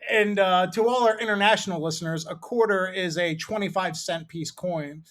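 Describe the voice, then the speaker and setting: A man's voice: high voice, moderate pace, fairly bright tone. A man in his thirties from Maryland, co-hosting a podcast and telling a rambling, profane story in casual chat. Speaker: podcast co-host.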